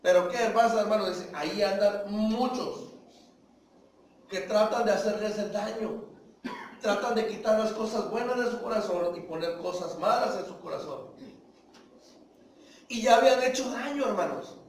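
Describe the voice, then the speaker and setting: A man's voice: high-pitched, normal speed, pauses often, slight background noise. A man preaching a sermon, calling his listeners brothers, asking rhetorical questions and acting out little dialogues. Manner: acts out short dialogues in voices. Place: church hall. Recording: echoey hall, voice from far off.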